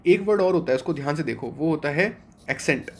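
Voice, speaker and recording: A man's voice: a little high, expressive, fast. A young man teaching an online exam-prep vocabulary class, explaining step by step and asking and then answering his own questions.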